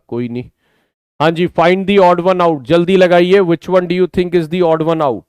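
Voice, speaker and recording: Slightly hoarse from a sore throat, a man with an Indian accent teaches English vocabulary in an online class, patiently explaining in both Hindi and English and urging students to answer. His voice sits on the high side with a darkish tone, and there is no echo.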